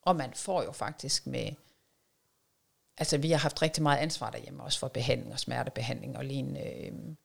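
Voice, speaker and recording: A woman's voice: a bass voice, creaky, husky. A woman reflecting on caring for a sick child in a conversational interview, thinking aloud with frequent fillers.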